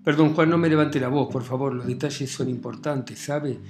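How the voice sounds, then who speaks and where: A man's voice: medium pitch, steady tone, normal speed, soft background music, lightly acted. A man voicing a young female phone operator who is polite but fussy and procedural.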